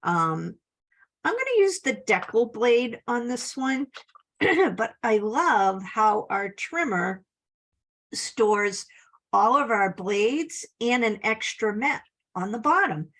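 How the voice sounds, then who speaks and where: A woman's voice: on the high side, big pitch swings, slow, fairly bright tone. A woman giving a casual, chatty scrapbooking tutorial, upbeat and full of little laughs. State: slight cough. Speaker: scrapbooking instructor.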